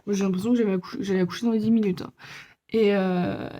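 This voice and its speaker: Woman, young adult, casual vlog storytelling, chatty, warm mellow tone. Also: mid-range voice, fast, slight background noise. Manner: chatty, many fillers, lively retelling with laughs. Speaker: vlogger.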